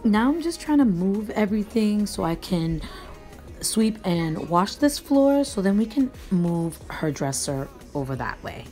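A woman, a mother of four, narrating a home cleaning vlog in a relaxed, matter-of-fact voice-over. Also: medium pitch, measured pace. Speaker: vlogger, mother. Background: faint music.

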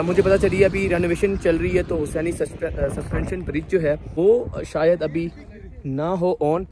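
A young man casually narrating a travel vlog, pointing out the sights as he goes, with frequent hesitations, filmed on a phone held at arm's length. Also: medium pitch. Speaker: travel vlogger. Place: outdoors on a cold mountain road and village path. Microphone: phone camera held at arm's length. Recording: noisy outdoor phone recording.

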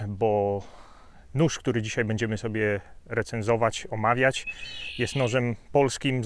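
Out on a hillside with a lapel mic, a mid-voiced Polish man in his thirties gives an easygoing review of a bushcraft knife, full of fillers and side remarks. Slight background noise can be heard.

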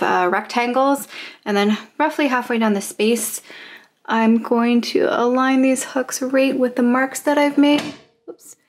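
A woman's voice: on the high side, slight background noise. A young woman from Canada chatting casually through a home organizing vlog, with frequent ums and little laughs. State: out of breath. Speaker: lifestyle vlogger. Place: home closet and bedroom.

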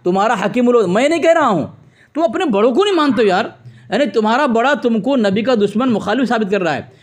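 A man's voice: very high-pitched, animated, fast. A man arguing on a phone debate, combative, mocking and repeating himself to interrupt. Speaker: debate host on phone call. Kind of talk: heated religious phone debate.

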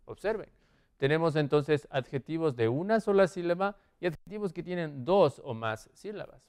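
His voice sits high, with a clear and resonant tone, as he leads an English class. Frequent "¿sí?" and "¿ok?" check-ins punctuate the lesson, and he moves around while writing on the board.

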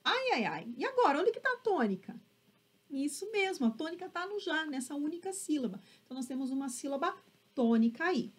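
A woman's voice: high voice, very animated, fairly quick. A Brazilian woman teaching an online class, upbeat, checking in with her students often. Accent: Brazilian Portuguese.

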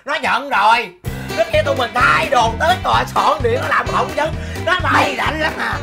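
A man playing an exasperated young male singer in a comedy sketch, complaining and quick with his words. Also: very high voice, vocal fry. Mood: worked up. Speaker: comic actor in a stage sketch. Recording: stage show with music behind.

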